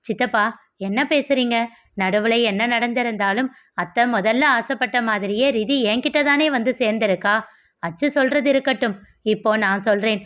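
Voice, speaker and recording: A woman voicing a young man who speaks firmly and calms others, in a storybook reading. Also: a little high, normal speed, close to an everyday voice. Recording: dull lo-fi audio.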